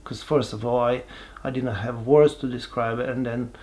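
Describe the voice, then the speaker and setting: A man, giving a halting, reflective personal testimony with many pauses and restarts. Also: medium pitch, steady tone, darkish tone. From Bulgaria. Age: 40s. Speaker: person sharing his life story.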